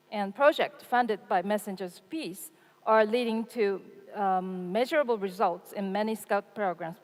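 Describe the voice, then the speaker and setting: A woman moderating a conference panel, earnest, with nervous laughs and fillers. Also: mid-range voice. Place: large conference hall. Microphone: handheld microphone. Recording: echoey conference hall.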